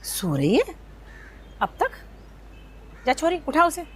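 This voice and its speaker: An actress playing a scheming, sharp-tongued sister-in-law who mocks and taunts. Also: female voice, sits high, wildly swooping pitch, slow, a little hiss or hum, exaggerated voice. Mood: taunting. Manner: taunting, mocking. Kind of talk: TV serial acting. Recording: background music score.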